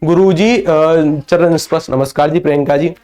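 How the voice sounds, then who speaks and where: A man's voice: a little high, normal speed, mellow. A man from northern India teaching a live online grammar class, answering his own questions and greeting viewers by name.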